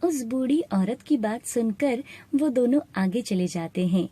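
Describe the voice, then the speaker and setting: A woman narrating an animated moral story in a steady, plain storytelling manner. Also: on the high side, a little slow, slightly rough. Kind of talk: scripted narration.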